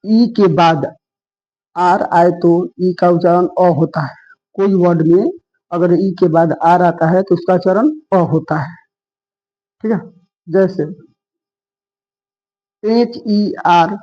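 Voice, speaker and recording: Male teacher, patient spelling drills, raised pitch, muffled lo-fi recording. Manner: slow, patient, repeats each rule. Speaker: English teacher. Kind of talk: spoken lesson spelling out words. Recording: dull lo-fi sound.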